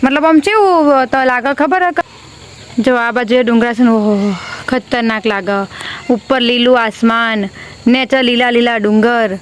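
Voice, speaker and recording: A woman's voice: a little high, steady tone, a little slow, slight background noise. Chatty woman vlogging from a rooftop. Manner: chatty, keeps adding a friendly filler word. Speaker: family vlogger. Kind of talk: casual chat to camera. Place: outdoors on a village rooftop.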